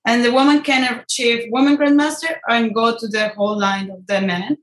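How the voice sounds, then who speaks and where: A woman from Colombia in her thirties with a Colombian Spanish accent, a native Spanish speaker, talking earnestly and quickly as an interview guest, often restarting her sentences. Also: on the high side, steady tone. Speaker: guest, chess grandmaster. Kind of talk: casual interview talk. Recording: roomy echo.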